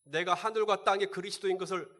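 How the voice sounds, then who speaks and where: Male pastor, somewhat high voice, preaching a sermon, asks the congregation questions and answers them himself. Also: fairly even intonation, fast, bright, forceful tone.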